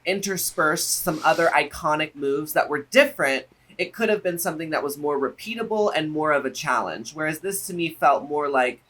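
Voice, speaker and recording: A man with a very bright, somewhat high-pitched voice. He talks like a sassy, campy drag queen, sharing opinions in a casual co-hosted review chat. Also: fairly quick, hardly any pauses, low-quality recording. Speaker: reality show review co-host.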